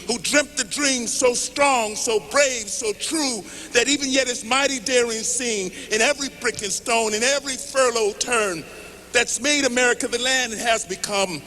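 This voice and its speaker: A man reciting poetry as an impassioned rally speech, declaiming in measured phrases. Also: extremely high pitch, sharp tone. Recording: noisy large hall with long reverb.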